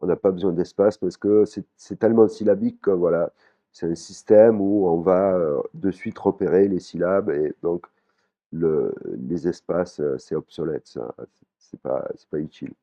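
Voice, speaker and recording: A man teaching a language lesson in a relaxed way, with frequent fillers, restarts and repeated words. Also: sits low, normal speed, lo-fi sound. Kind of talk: casual spoken lesson.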